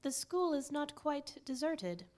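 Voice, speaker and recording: A woman voicing a gentle ghostly spirit in a storybook reading, speaking softly and slowly, at times in a whisper. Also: high-pitched, sing-song, pitched above the performer's own voice, heavily acted. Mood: solemn. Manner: soft, measured, at times whispered. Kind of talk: audiobook character voice.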